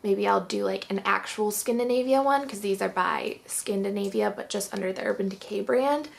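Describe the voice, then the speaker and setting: A woman's voice: medium pitch, moderate pace, creaky. An out-of-breath woman, chatting casually through a product review full of "um" and "like". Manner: chatty, fillers like "um" and "like". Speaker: beauty vlogger.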